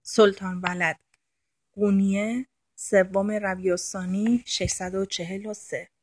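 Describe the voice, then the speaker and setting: A woman narrating a novel in a calm, intimate storytelling voice that sometimes drops to a soft whisper. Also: medium pitch, breathy edge, no room sound. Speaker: audiobook narrator. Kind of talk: scripted narration.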